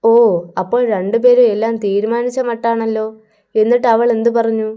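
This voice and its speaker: A woman's voice: fairly high pitch, flat delivery, normal speed, clean tone, dull audio, lightly acted. Rocky, a woman doing a teasing young gangster. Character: tough young male gangster, blunt and mocking.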